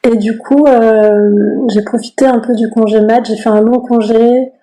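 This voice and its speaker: A woman's voice: on the high side, normal speed, poor audio. A woman in her thirties, a guest on a podcast, talking casually with frequent laughs and fillers. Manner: relaxed, laughs often, many fillers. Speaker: guest, Ayurveda practitioner. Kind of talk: casual conversation.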